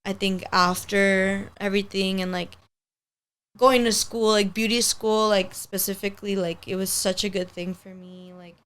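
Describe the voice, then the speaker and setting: Casual and upbeat, this podcast guest, a hair stylist in her twenties whose first language is Spanish, rambles along and peppers everything with "like." She speaks at normal speed in a medium-pitched, steady, fairly bright voice.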